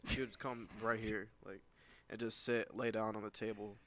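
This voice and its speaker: A man's voice: lowish voice, little pitch movement, normal speed, fairly bright tone. A young man talks loosely on a podcast, circling his point with constant fillers. He laughs often as he tells stories in a casual chat. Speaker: podcast co-host.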